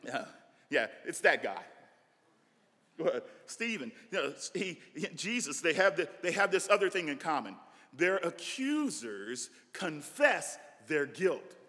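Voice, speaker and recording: Animated male pastor preaching in a hall. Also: on the high side, slow. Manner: animated preaching with many restarts and asides. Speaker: senior pastor. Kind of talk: sermon.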